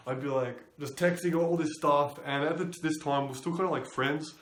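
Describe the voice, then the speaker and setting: A man's voice: a little high, steady tone, a little fast, a little hiss or hum. Young man giving casual dating advice in an echoey room. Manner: loose, conversational, acts out quoted thoughts. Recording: roomy echo.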